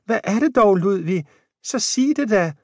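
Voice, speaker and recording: A man's voice: high-pitched, expressive, darkish tone, no echo, clean studio sound, voice pushed up. Man doing eager old wife Jane. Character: kind fussing older wife Jane.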